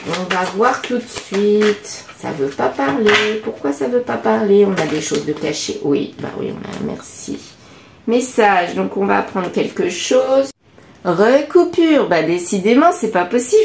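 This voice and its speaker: A woman with a French accent doing a casual oracle card reading, musing aloud and pausing often with fillers. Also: medium pitch, gravelly, darkish tone, echoey room, slight background noise. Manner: musing, hesitant, many fillers. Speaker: card reader.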